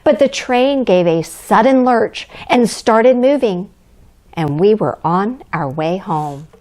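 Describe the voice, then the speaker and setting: Slow, gentle Mrs. Claus played by a woman. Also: medium pitch. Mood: gentle storytelling. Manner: gentle, expressive, unhurried. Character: Mrs. Claus, kindly storybook wife of Santa, reading to children. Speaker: storyteller. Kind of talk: children's storybook reading, addressing young listeners.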